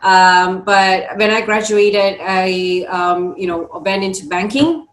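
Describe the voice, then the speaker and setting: A young woman from Singapore talks as a podcast guest about her path into coaching. She speaks at a middle pitch, pausing with thoughtful fillers. Her voice rings in a roomy, echoey space. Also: a little hiss or hum. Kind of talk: conversational interview.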